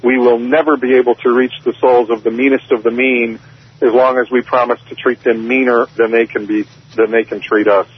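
A man's voice: mid-range voice, little pitch movement, fairly quick, husky, highs cut off. A man, a professor calling in to a radio show, speaking earnestly and with feeling. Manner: earnest, impassioned, repeats words. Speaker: professor, phone guest.

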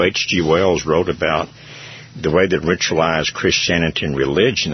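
Lecturing male radio co-host, deep rough voice, muffled lo-fi broadcast. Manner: opinionated, lecturing. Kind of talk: radio talk show discussion.

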